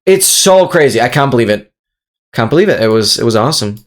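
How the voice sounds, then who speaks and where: A young adult streamer from Austria, a native German speaker with an Austrian accent, chats excitedly with viewers on a live stream and repeats phrases. He or she speaks fairly quickly in a mid-range voice.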